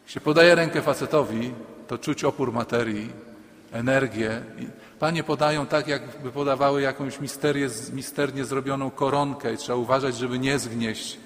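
A man's voice: mid-range voice, fairly even intonation, normal speed. A man, a priest, preaching a sermon emphatically, repeating key lines and dropping humorous asides. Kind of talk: sermon to a congregation. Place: church. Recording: long church reverb.

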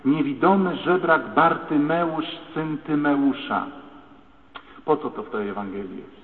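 A man's voice: fairly high pitch, measured pace. Priest guy giving a fiery sermon, echoey church, tinny phone-like sound. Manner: lively, dramatic, acts out shouting voices.

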